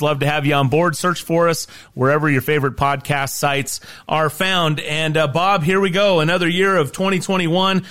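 A man's voice: on the high side, fairly bright tone. A man presenting on radio as a host, in an upbeat style.

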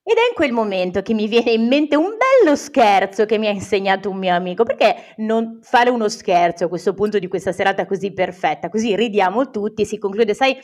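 A woman co-hosting a podcast, telling a personal anecdote in a wry, deadpan way with dry jokes. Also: mid-range voice, fairly quick, hardly any pauses. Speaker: podcast co-host. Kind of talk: ironic storytelling of a personal anecdote.

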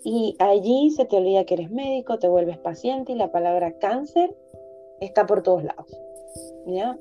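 A young woman with a very dark, mellow voice tells her story as a podcast guest, candidly and with plenty of hesitation. The audio sounds dull and lo-fi, and faint music plays underneath. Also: mid-range voice, lively intonation, normal speed. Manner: candid, emotional, many hesitations. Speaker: guest, physician.

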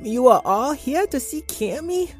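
A woman's voice: sits high, lively intonation, a little slow, soft background music, pitched above the performer's own voice. Goofy, rambling, friendly giant dog monster, put on by a woman, storybook. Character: cheerful huge lava-tongued rock dog, male, goofy.

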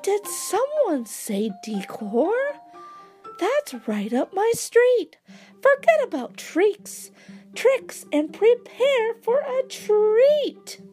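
A woman's voice: very high voice, very animated, very slow, a little mellow, soft background music, pitched above the performer's own voice, exaggerated voice. A woman voicing a cute, kind male pumpkin in a storybook, bubbly, eager and friendly. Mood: chirpy, eager. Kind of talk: storybook character voice.

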